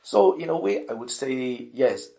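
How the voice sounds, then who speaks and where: A middle-aged university lecturer with a Singaporean English accent gives a reflective interview answer, his voice gravelly, dark, and medium-pitched with lively intonation, a little slow. Thinking aloud, he restarts phrases often and tags points with a rhetorical "right?".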